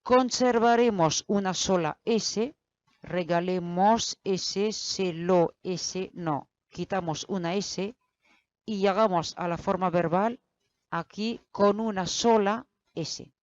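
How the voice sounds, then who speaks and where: Woman teacher going through grammar real slow, dull lo-fi dry sound. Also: mid-range voice, no room sound. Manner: slow, deliberate explaining, addressing the learner directly. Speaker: Spanish teacher. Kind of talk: grammar lesson.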